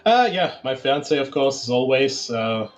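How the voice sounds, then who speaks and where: A racing driver giving a hesitant, joking post-race interview with many fillers. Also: male voice, mid-range voice, big pitch swings, unhurried, faint music behind.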